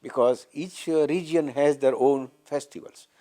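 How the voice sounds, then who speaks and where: A man with an Indian English accent explains his views simply and earnestly. His voice is dark and mellow. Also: a little high, steady tone, measured pace. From Baroda, Gujarat, India. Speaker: temple member. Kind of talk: documentary interview.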